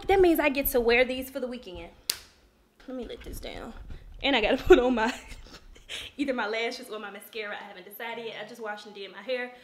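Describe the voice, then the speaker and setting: A young woman, from Memphis, chatting excitedly to camera while getting ready at home. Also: fairly high pitch, roomy sound, slight background noise. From Memphis, USA. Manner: chatty, excitable, lots of "like" and "y'all". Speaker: lifestyle vlogger. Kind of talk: casual chat to camera. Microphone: camera or phone camera.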